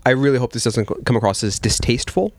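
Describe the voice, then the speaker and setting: A man's voice: medium pitch, fast talker, dry recording. A man co-hosting a comedy podcast, teasing and needling the others. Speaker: podcast co-host. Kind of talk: comedic banter.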